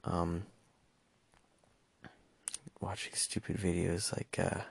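A man's voice: sits low, little pitch movement, slow pace, vocal fry, slightly rough, no room sound. A young man talking in a casual personal monologue, hesitant and stumbling over his words with many fillers. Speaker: podcast host.

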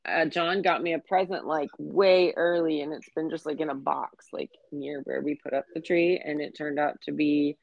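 A woman's voice: low-pitched, steady tone, moderate pace, gravelly, few pauses, dry recording, muffled recording. A woman in her forties co-hosting a podcast in casual chat, talking freely with fillers and easy laughs. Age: 40s. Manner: chatty, laughs easily, many fillers. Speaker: podcast co-host.

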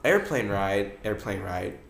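A young man hosting a podcast, telling a story in a casual, animated way, laughing often and swearing freely. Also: lowish voice, a little slow, gravelly. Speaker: podcast host. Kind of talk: casual chat. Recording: echoey room.

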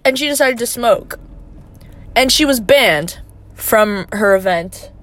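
A woman's voice: a little high, lively intonation, slow, fairly bright tone. A young woman hosting a casual solo podcast, rambling with lots of fillers and casual swearing, laid-back but getting indignant. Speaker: podcast host.

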